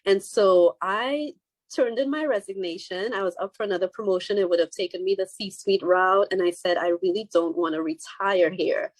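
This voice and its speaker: A woman in her thirties from Trinidad and Tobago, the founder of a skincare line, talking casually and warmly to a live audience with frequent restarts. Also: medium pitch, moderate pace, no room sound. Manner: friendly, chatty, with frequent restarts. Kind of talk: casual live-stream talk. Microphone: laptop.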